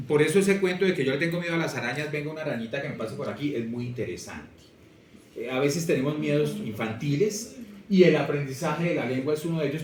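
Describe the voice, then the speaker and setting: A man teaches a class in a lively, expressive way, talking straight to his students. His voice comes from some distance off the mic and echoes around a big room. A faint room hum sits under it. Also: a little high. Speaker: language teacher. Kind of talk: lecture to students.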